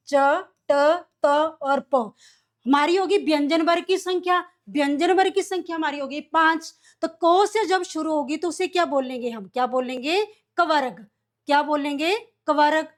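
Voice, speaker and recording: A woman teaching young children, asking each question and then answering it herself, repeating key words in a call-and-response classroom lesson. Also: high voice. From India.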